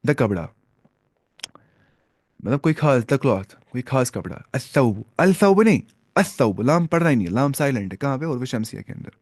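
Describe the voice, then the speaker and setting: A male teacher leads a beginners' class through new words, asking the students questions and going over each word slowly. His voice sits in a middle range and sounds dry and close, with no room around it. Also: medium pitch, a little mellow, dry recording. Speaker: Arabic teacher. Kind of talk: classroom lesson.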